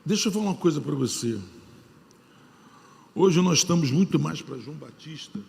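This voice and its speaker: High-pitched Brazilian pastor preaching with gravelly voice. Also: male voice. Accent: Brazilian Portuguese. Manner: repeats phrases for emphasis, swings between shouting and hushed. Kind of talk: sermon. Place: large church hall. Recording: long hall reverb.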